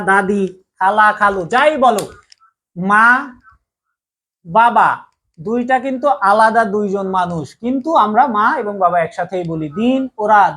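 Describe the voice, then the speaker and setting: High-voiced woman teaching grammar. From Bangladesh. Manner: patient, repeats key points and asks rhetorical questions. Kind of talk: casual grammar lesson.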